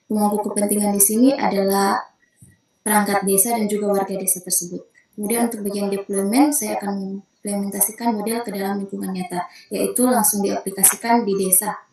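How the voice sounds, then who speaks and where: A woman's voice: medium pitch, reverberant, poor audio. Young woman giving a formal student presentation. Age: young adult. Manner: methodical, steady, occasional self-corrections. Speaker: student presenting a thesis proposal. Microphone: video call.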